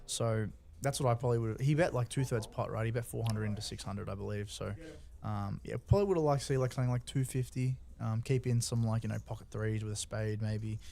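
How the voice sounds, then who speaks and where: A man with a lowish voice and plenty of gravelly creak breaks down poker strategy as a co-commentator. He talks informally, reasoning each decision through step by step and checking that the listener follows. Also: brisk, dark tone. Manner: informal, explanatory, often checking in with "right?".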